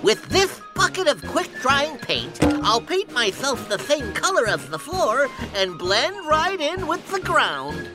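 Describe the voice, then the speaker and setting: Scheming Daffy Duck, high and lisping. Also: very animated, slow pace, hardly any pauses, exaggerated voice, poor audio. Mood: smug. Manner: sarcastic, bombastic self-narration. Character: scheming, indignant, vain male cartoon duck. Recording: music behind. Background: cartoon score.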